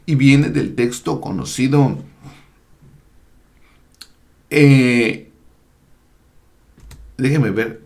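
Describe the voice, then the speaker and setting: A man teaching a slow, deliberate lesson on Torah, spelling out Hebrew words and letters with frequent hesitations. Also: medium pitch, creaky, darkish tone. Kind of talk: slow explanatory Bible lesson.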